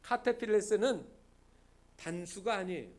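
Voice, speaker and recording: A man with a strikingly high voice delivers a sermon in an animated storytelling manner. He moves between soft, low-key stretches and loud, emphatic climaxes. Now and then he slips into the voices of the people in his stories. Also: moderate pace. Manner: storytelling, swings from quiet to loud emphatic peaks; acts out quoted characters in short dialogue. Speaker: pastor.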